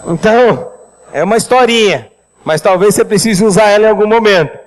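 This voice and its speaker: A man preaching a seminar on finances, lively and speaking directly to the congregation. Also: high voice, a little fast, big-room sound, low-quality recording. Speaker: pastor leading a finance seminar. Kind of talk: sermon with storytelling.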